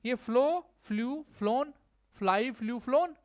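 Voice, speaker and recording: A woman teaching an exam-prep grammar lesson, repeating words slowly and asking checking questions. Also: a little high.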